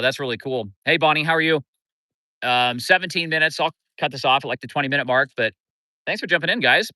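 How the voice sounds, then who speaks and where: A bright-voiced, medium-pitched man from Kansas City with a Midwestern American accent chats casually on a livestream from outdoors beside a river in town. A fishing coach, he rambles in a relaxed way and greets viewers by name. The low-quality recording has no room sound.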